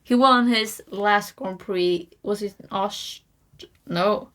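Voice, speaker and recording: A young woman co-hosting a casual podcast, giggly and excitable, quick to agree. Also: medium pitch. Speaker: podcast co-host. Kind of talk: casual chat.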